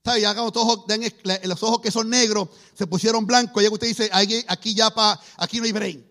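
A middle-aged man preaching, telling testimonies as a lively storyteller who acts out the voices he quotes. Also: high voice, a little fast. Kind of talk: testimony sermon.

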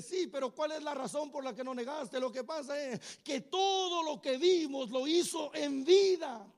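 A male preacher telling a sermon as a dramatized story, acting out the voices of its characters and swinging between hushed lines and shouts. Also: very high voice.

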